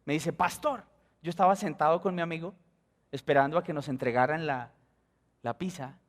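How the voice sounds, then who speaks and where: High-voiced Colombian pastor preaching in an echoing church. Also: male voice, normal speed. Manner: storytelling that acts out dialogue with sudden high exclamations. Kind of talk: sermon. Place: church sanctuary. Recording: long church hall reverb.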